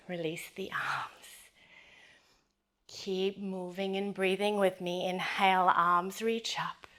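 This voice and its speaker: A woman leading a yoga flow as instructor, giving breath cues in a steady, measured, gentle cadence. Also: mid-range voice.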